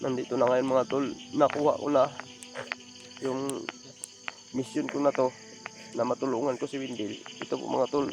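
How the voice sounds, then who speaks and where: A man's voice: mid-range voice, level tone, normal speed, gravelly, pauses often, over music. A man vlogging outdoors at night, thanking his viewers with heartfelt gratitude and calling them buddies. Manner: grateful, addresses viewers as buddies, warm thanks. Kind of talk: emotional vlog talk to viewers.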